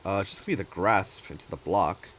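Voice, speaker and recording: A man hosting casual commentary on a card game match, chatty and relaxed. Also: low voice, fast talker, a little hiss or hum. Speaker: caster, host.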